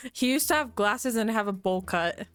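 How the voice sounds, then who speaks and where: A woman's voice: fairly high pitch, expressive, a little slow, clear, resonant tone, soft background music. Giggly woman streamer reading a visual novel. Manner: giggly, laughs often between lines.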